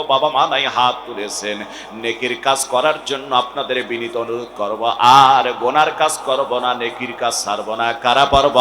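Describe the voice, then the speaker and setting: Male preacher, waz sermon, sung wailing lines, bright sharp tone, echoey hall with long reverb. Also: a little hiss or hum. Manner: swings between loud chanted crying passages and low murmured storytelling.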